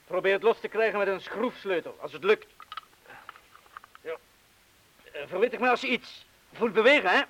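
A male actor plays a cautious, steady criminal accomplice in a radio drama, speaking in a measured, laconic and firm manner with a focused mood. His voice sits high, and the old radio play recording is hissy.

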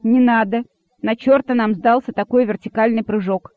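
Woman reader as a shouting rabbit crowd; loud, high, phone-like, dry. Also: fairly even intonation, normal speed, no room sound, close to an everyday voice. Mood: rowdy. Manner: shouting, chanting. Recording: dry tinny phone-like sound.

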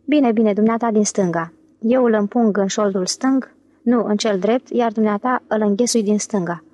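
A woman's voice: medium pitch, mellow, no room sound, lightly acted. Woman voicing a bossy young thug. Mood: impatient.

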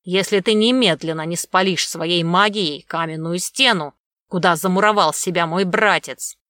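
A woman's voice: lowish voice, no echo, studio quality, close to an everyday voice. A woman voicing Prince Dragon, growling villain. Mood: furious. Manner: loud, growling, slow menacing commands. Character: cruel scheming middle-aged male prince villain.

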